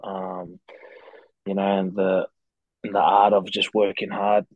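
A man's voice: low voice, completely flat delivery, measured pace, no echo, phone-quality sound. A man chatting casually as a rugby player guest, laid-back and matey with slangy talk. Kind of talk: casual interview chat.

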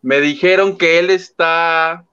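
A man's voice: fairly high pitch, steady tone, slow pace, sharp tone, smooth. A Mexican man co-hosting a casual celebrity gossip chat in a playful, sweary way. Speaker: co-host. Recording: dull lo-fi sound.

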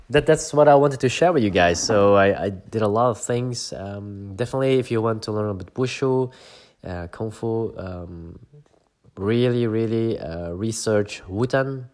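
Tired, hesitant man talking low and even. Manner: hesitant, many fillers and restarts; speaks with eyes closed in a low-energy, monotone way. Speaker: podcast host. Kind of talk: casual monologue.

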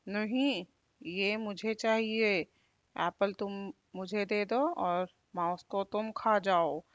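A woman voicing a bossy, greedy female cat in a storybook tale for children, loud and demanding. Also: medium pitch, steady tone, moderate pace, no room sound, muffled recording, natural voice. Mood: angry. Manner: demanding, pushy.

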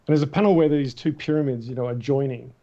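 A middle-aged Australian man, a guest in a casual interview, telling stories in an animated way and acting out the voices of the people in them. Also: medium pitch, quick pace. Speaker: guest, matte painter. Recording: dull, muffled recording.

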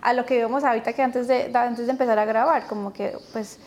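A woman's voice: on the high side, steady tone, fast talker, a little mellow. A woman hosting a podcast interview, chatting casually and dropping short acknowledgements. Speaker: podcast host.

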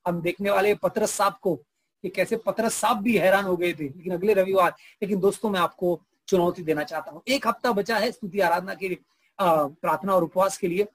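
Brief: male pastor, sermon delivery, husky tone, audience prompts throughout. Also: high voice, fairly quick, dry recording. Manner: lively storytelling, frequent audience prompts.

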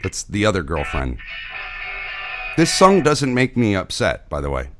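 A male podcast host in casual comedic banter, teasing bluntly and deadpan. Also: deep voice, a little slow, over music.

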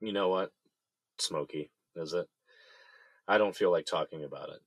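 Man as curt jailed man, very deep, husky. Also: moderate pace, dry recording. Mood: guarded. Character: wary young male inmate, guarded. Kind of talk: audio drama acting.

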